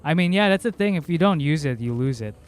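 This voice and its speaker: A male game streamer from the Philippines, a native Cebuano speaker, chats casually on a livestream, rambling with plenty of fillers. His voice is fairly high-pitched and animated, and he talks fast.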